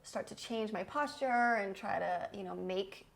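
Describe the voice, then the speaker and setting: A woman speaks in a relaxed, conversational way, with a gravelly fry running through her voice. She is frank and animated and slips into quoting her own inner thoughts as she talks. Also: medium pitch, a little slow, rough recording. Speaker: podcast host. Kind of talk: casual conversation.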